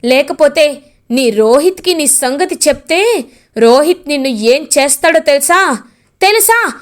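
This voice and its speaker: A woman voicing a fierce, stern middle-aged mother-in-law who shouts and threatens. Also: high voice, animated, measured pace. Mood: furious.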